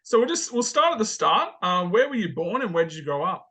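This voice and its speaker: Upbeat guy hosting an interview, bright sharp voice, a bit higher pitched. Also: sing-song, brisk, slightly rough. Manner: upbeat, affirming. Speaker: podcast host.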